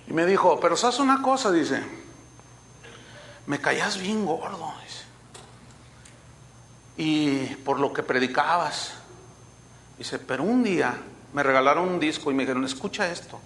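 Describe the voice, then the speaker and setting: A man's voice: fairly high pitch, a little slow, pauses often, slight background noise. A man with a Mexican accent preaching a sermon as a pastor, telling stories and acting out the voices of the people he quotes. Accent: Mexican Spanish. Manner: animated storytelling, acting out quoted voices, chuckling.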